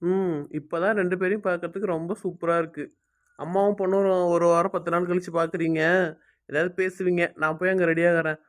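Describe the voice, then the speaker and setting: An easygoing young husband in an amateur family drama, played by a man, with a fairly high voice. He talks on in a relaxed, friendly way. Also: quick pace, natural voice. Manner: easygoing, talkative.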